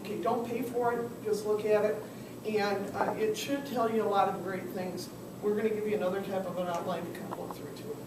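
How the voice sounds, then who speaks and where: A woman consultant losing her voice teaches a business workshop, talking fairly quickly with a flat delivery at medium pitch, chatty and questioning the class. She's captured by a distant camera in an echoey, noisy room.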